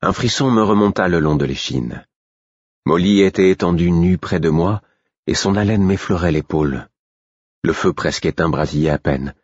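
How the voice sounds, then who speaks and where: Very deep husky male narrator. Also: normal speed, no echo, highs cut off. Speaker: audiobook narrator. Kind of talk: scripted first-person narration.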